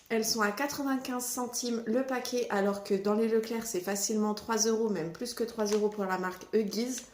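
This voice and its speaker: A woman's voice: fairly high pitch, echoey room, slight background noise. A woman in her thirties chatting through a casual shopping haul video, showing items one by one. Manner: chatty, lively, shows products one by one. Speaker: vlogger. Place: home.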